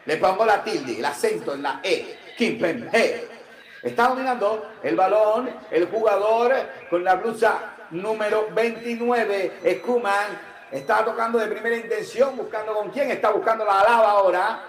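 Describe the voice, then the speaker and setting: A high-voiced man with a Colombian Caribbean coastal accent calls a football match for radio, joking, teasing his partner and reading live ads between plays. His voice rings in an echoey booth. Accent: Colombian Caribbean coastal Spanish. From Cartagena, Colombia. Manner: jokey, excitable, drawn-out goal calls and live ad reads. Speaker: play-by-play commentator.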